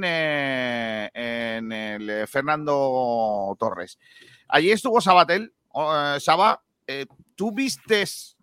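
A man's voice: on the high side, sharp tone, no room sound. A man hosting a sports radio show in Spain, joking and sarcastic in casual banter.

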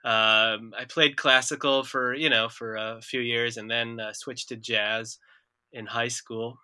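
A man talks through an easy interview chat with a very bright, forceful tone. He is relaxed and self-deprecating and chuckles often. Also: mid-range voice, measured pace, dry recording. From Israel. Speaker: guest musician.

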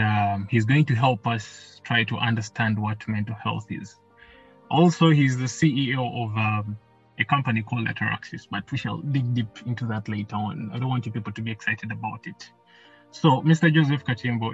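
Husky podcast host with a lo-fi sound. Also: male voice, fairly low pitch. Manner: rambling, repeats himself. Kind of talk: casual interview.

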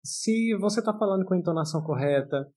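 A man co-hosting a podcast, speaking in a measured, reflective way with many fillers. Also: sits high, lively intonation, mellow, husky. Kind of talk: casual discussion.

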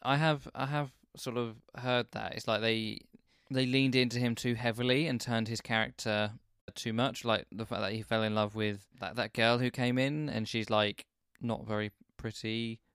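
Smooth-voiced man in casual film chat. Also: medium pitch, steady tone, moderate pace, hardly any pauses, a bit bright, no room sound, clean studio sound. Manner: hesitant, restarts, thoughtful. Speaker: film podcast co-host.

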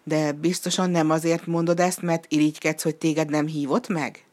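A woman's voice: sits low, flat delivery, darkish tone, close to an everyday voice. A woman voicing a storybook bear who sounds thoughtful and suspicious. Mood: wary. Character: big bear, taken aback and wary.

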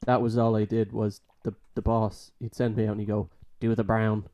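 A man chatting casually about college work, rambling with many fillers and trailing off quietly. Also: lowish voice, level tone, a little fast, highs cut off. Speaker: college student. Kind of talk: casual chat.

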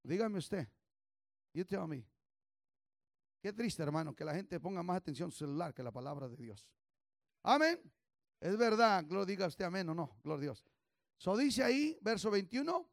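A man preaching a bilingual sermon as pastor, calling on the congregation to repeat after him and shouting for emphasis. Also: high voice, big pitch swings, moderate pace, gravelly, pauses often, dry recording, studio quality. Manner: switches between Spanish and English, calls for congregation responses.

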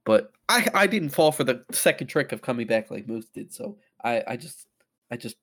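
A man's voice: mid-range voice, animated, moderate pace, a bit bright. A young man co-hosting a casual podcast chat, dry and teasing. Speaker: podcast co-host.

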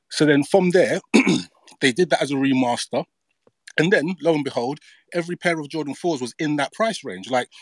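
A man in a casual panel discussion, blunt and animated, a bit out of breath. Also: mid-range voice, no echo. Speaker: podcast co-host.

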